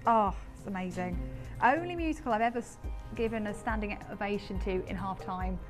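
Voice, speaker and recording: A woman's voice: mid-range voice, brisk, music in the background. A British woman, around her thirties, presenting as a home shopping host in chatty, informal, rambling and giggly live sales banter. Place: TV studio.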